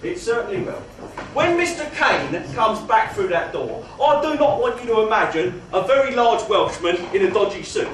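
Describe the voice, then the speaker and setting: A man playing a mock-genteel, faintly menacing gangster compère, delivering comic stage patter with grand words and drawn-out emphasis. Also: sits high, big pitch swings. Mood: coaxing. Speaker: burlesque show compère in comedy double act. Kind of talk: live comedy patter addressed to audience. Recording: roomy live venue, distant mic, faint noise.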